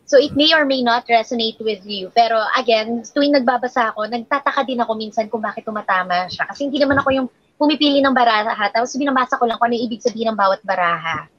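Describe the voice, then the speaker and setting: A woman's voice: a little high, quick pace, fairly bright tone, dry recording, muffled recording. A woman hosting a live stream, giving tarot readings in casual, laughing chat that mixes Tagalog and English.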